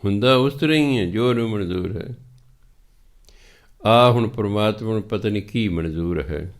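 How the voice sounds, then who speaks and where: Punjabi guy preaching, lowish voice, chants verses slow then explains, kinda teacherly. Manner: recites verses slowly, then explains in plain talk; patient, teacherly, repeats points. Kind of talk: scripture exposition sermon.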